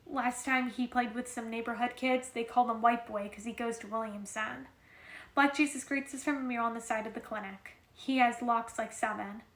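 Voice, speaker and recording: Vorleserin mit halliger Stimme. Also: female voice, fairly high pitch, fairly even intonation, moderate pace. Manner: casual reading with occasional restarts. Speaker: reader. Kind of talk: reading a novel aloud. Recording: roomy echo.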